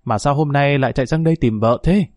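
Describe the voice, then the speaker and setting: Male narrator as a friendly middle-aged neighbor woman, chatty, soft tone. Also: mid-range voice, fast, dry recording, studio quality, natural voice.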